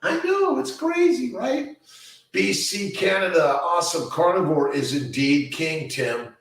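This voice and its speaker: A man's voice: sits high, animated, unhurried, fairly bright tone. A man in his fifties from Los Angeles, a doctor, rambling through viewer comments on a casual livestream. His voice sounds like it is echoing in a cave. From Los Angeles, USA. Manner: rambling, scattered, with many "uh, let's see" fillers. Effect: cave-like echo on the voice. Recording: very echoey, distant from the mic.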